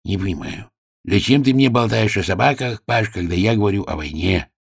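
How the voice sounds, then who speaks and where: A man voicing a vain, capricious, suspicious little male king in an audiobook drama, with a husky low voice. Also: fairly quick, dry recording, studio quality.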